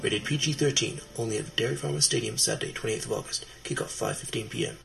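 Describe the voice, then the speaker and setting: A man's voice: mid-range voice, fast, vocal fry. A man voicing an over-the-top male movie-trailer announcer in a parody trailer, with a grandiose, mock-epic delivery. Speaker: trailer narrator. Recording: distant voice under loud music.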